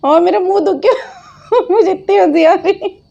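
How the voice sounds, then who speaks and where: High-voiced woman mocking and scolding. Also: unhurried, vocal fry, dark tone, dull audio. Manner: scolding, mocking, laughs often. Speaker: channel host. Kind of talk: mocking reaction commentary.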